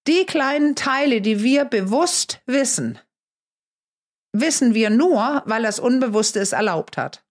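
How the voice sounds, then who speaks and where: A woman's voice: a little high, animated, slow, darkish tone. Earnest German-speaking woman explaining. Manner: earnest, emphatic, with many fillers. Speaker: podcast co-host, relationship expert. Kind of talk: conversational podcast explanation.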